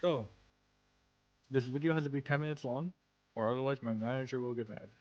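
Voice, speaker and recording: A Canadian content creator and streamer introduces himself in a vlog, speaking casually and haltingly and often repeating phrases. He has a slushy lisp, slightly slurred words, and a medium-pitched, darkish voice. The sound quality is lo-fi.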